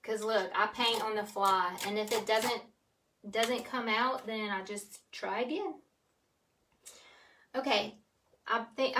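A woman's voice: medium pitch, pushed and bright, distant mic. A woman, leading a live painting tutorial in a chatty, giggly way. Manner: chatty, giggly, says y'all. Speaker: painting instructor.

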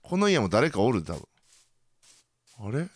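A young man with a Kansai accent commentating his own game play, bursting into loud reactions and then muttering quietly. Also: a little slow, slightly rough. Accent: Kansai Japanese. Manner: excitable, reacts loudly to surprises, then mutters low. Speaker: gaming channel host.

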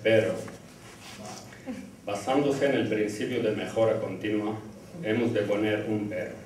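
Standing at a lectern in a classroom, a middle-aged man delivers a formal graduation speech from notes, his fairly low, darkish voice fairly even in intonation and measured in pace. He has a lectern mic, but a far camera captures the echoey room from a distance, with a little hiss or hum.

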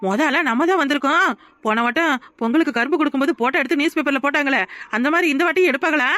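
A woman's voice: high-pitched, racing, a bit bright. A woman voicing a pushy young village neighbor in a cartoon, nagging and urging, with a Tirunelveli Tamil accent. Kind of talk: cartoon voice acting.

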